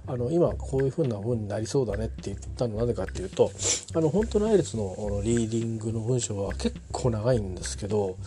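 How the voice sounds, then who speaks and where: Low-voiced man rambling casually. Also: quick pace, noisy background. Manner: rambling, many fillers and self-corrections. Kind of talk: casual solo talk.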